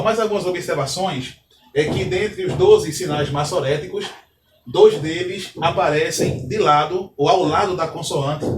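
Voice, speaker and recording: Male teacher, fairly high voice, patient and repetitive, recorded from a distance. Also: a little hiss or hum. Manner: patient, repeats key points, asks the class questions. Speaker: Hebrew teacher. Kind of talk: recorded lesson, explaining step by step. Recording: echoey room, distant from mic.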